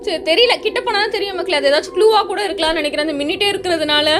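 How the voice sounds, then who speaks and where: A woman hosting a gaming channel, giving excitable, jittery commentary on a horror game and talking straight to her viewers. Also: very high voice, very fast, noisy background.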